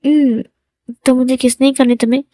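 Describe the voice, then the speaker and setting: A woman's voice: sits high, a little fast, no echo, studio quality, natural voice. A woman voicing a teasing young man. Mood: playful. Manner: teasing, light and lively. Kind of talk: storytelling in Hindi.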